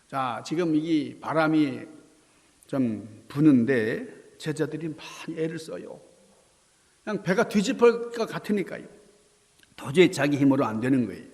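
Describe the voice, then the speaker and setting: A middle-aged man preaching a sermon as a pastor, swinging from loud dramatic cries down to soft, near-whispered asides. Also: a little high. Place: church sanctuary. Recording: long church reverb.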